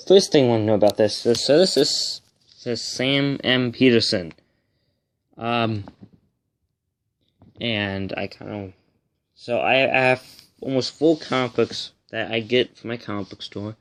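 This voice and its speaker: A young man giving a casual, rambling review vlog, with a speech impediment that turns r into w and softens l. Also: fairly low pitch. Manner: halting, rambling, repeats and restarts phrases. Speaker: comic book reviewer.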